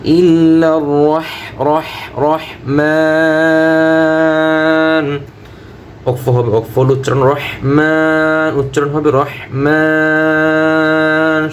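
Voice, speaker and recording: A man teaching Quran recitation word by word. He chants each phrase slowly and repeats it, then explains the pronunciation rules. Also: fairly high pitch, little pitch movement, a bit bright, a little hiss or hum.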